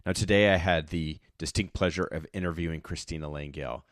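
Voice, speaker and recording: A man's voice: rumbling low, fairly quick, no room sound, clean studio sound. A man hosting a podcast interview, upbeat and laughing easily with his guest. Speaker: podcast host.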